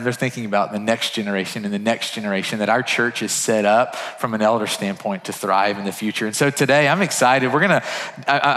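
A man's voice: medium pitch, fairly bright tone. A man speaking as a pastor, giving an informal, conversational announcement to his congregation. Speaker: pastor hosting a church service. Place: large indoor church gathering room. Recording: reverberant hall, amplified speech.

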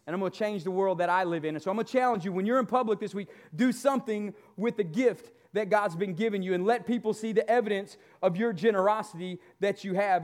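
A man preaching a church sermon as a pastor, in an emphatic, motivational, exhorting way with repeated key phrases. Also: high-pitched. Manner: exhorting, motivational, seeking amens from listeners.

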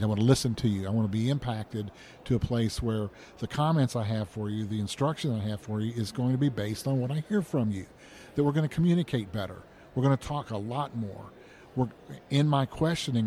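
A man's voice: medium pitch, warm tone, slight background noise. Earnest male author on a radio interview. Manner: earnest, repetitive, joking. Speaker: author guest.

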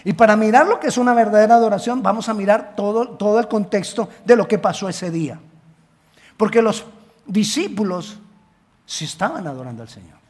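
A man preaching a sermon as pastor, emphatic, swinging between loud and quiet, repeating words for emphasis. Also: sits high, a little fast.

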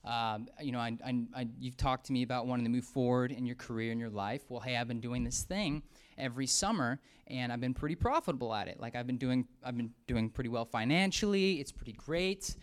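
A man voicing a smooth-talking young male salesman friend who makes an easy pitch. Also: brisk, natural voice. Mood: breezy persuading. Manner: persuasive, easygoing, soft-spoken.

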